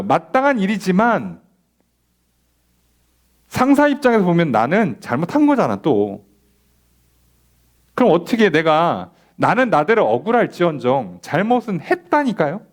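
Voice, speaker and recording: A man pastor teaching a Bible study in a conversational way, acting out little dialogues and asking rhetorical questions. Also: sits high. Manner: conversational, acts out imagined dialogues in a softer voice, asks rhetorical questions. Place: church.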